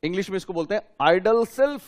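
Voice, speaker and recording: A man teaches a class in a fairly high voice. He keeps putting questions to his students and repeats each key term several times so they can write it down. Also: lively intonation, fast. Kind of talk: classroom lecture.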